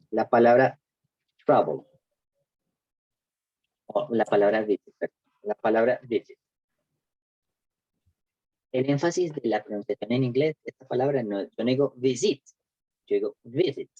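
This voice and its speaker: A young man explains English grammar patiently, step by step, with plenty of fillers. His voice is dark and a little husky. The recording is dry and dull, with a muffled lo-fi sound. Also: mid-range voice, no room sound. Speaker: English teacher. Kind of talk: one-on-one online English lesson.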